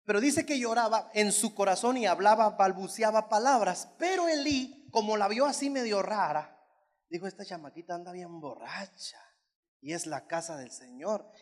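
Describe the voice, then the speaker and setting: A man's voice: sits high, lively intonation, moderate pace. A male pastor preaching a sermon, emphatic and repetitive as he tells a story. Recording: long church hall reverb.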